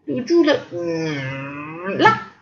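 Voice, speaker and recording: A woman voicing an excited little magical fish girl in a storybook reading, squealing and childlike. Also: medium pitch, measured pace. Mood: eager. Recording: slightly dull lo-fi audio.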